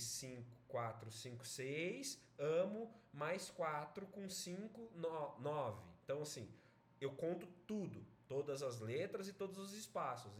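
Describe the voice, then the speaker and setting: A man's voice: mid-range voice, echoey room, slight background noise. A man with a Brazilian accent teaching an online essay-writing class, explaining in a chatty way and checking in with his students. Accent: Brazilian Portuguese.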